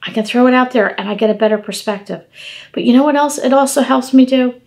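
Woman, 50s, devotional host, conversational preaching, animated, fairly high voice, home room. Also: fast talker, gravelly. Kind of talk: informal devotional talk. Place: home dining room, indoors.

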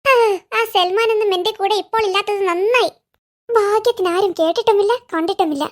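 Ikru, a squeaky cartoon boy. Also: a little fast. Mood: sulky. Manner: squeaky cartoon voice, whiny and sulky. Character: cheeky little boy, attention-seeking and easily hurt. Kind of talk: comic cartoon dialogue.

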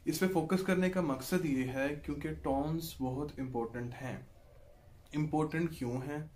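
A man's voice: on the high side, normal speed, darkish tone, a little hiss or hum. A man with a Pakistani Urdu accent giving an online language lesson, patient and explanatory, often checking in with listeners. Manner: patient, repeats "ठीक है जी" to check in, draws out example sounds. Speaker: language teacher.

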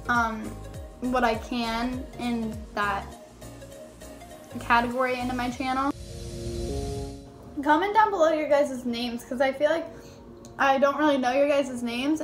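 High-voiced young woman, chatty vlogger. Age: young adult. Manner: chatty, filler-heavy with frequent "like". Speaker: YouTuber. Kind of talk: casual chit-chat vlog to viewers. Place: small bedroom, indoors. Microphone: phone at arm's length. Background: background music.

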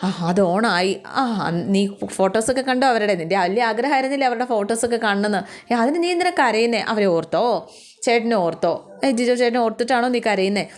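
A woman's voice: on the high side, moderate pace, natural voice. A woman voicing a protective young woman who coaxes and pleads for an answer. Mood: anxious. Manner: pleading, coaxing questions. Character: anxious protective young woman, older sister figure.

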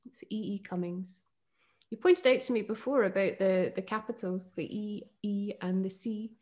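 A middle-aged woman with a Northern English accent talks about poetry in a relaxed conversation. She is thoughtful and enthusiastic, with a medium voice, little fillers and soft laughs. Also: medium pitch, moderate pace. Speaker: podcast host.

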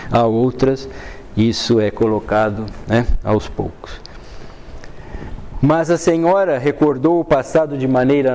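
Older Brazilian man, study-group teacher, mellow tone, calm reading and explaining. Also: medium pitch. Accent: Brazilian Portuguese. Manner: reads passages then explains them in a calm, unhurried way, with frequent "né". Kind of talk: reading aloud and explaining a spiritist book. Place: dim classroom with a projector screen.

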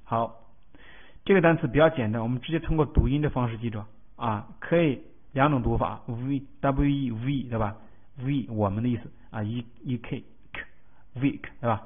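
A male teacher explains English vocabulary in a recorded lesson, walking through word roots step by step, spelling out letters and frequently asking a checking question. He speaks at a moderate pace with a medium-pitched voice, and the recording sounds tinny and lo-fi, like a phone.

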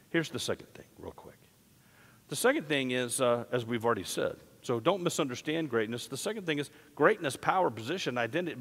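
A man preaching a folksy, humorous sermon as a guest preacher, swinging from quiet asides to loud bursts. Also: mid-range voice, slightly rough. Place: large church sanctuary. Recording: reverberant church hall.

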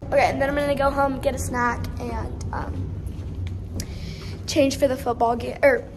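A woman's voice: high voice, flat delivery, normal speed, background noise. A teenage girl chatting casually to her phone camera in a vlog, full of fillers and upbeat asides. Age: teens. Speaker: vlogger. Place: conference room at a table.

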